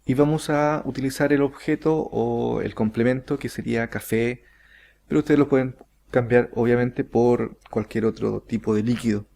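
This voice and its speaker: A man teaching English grammar, explaining slowly and carefully and stretching out each English example sentence. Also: mid-range voice, steady tone, gravelly, dark tone. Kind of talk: recorded grammar lesson.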